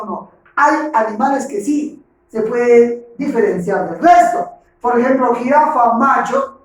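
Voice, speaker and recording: A man teaching a grammar lesson. He asks rhetorical questions, answers them himself, and often ends points with a tag question. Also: very high-pitched. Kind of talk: recorded grammar lecture. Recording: very echoey room, voice far from mic.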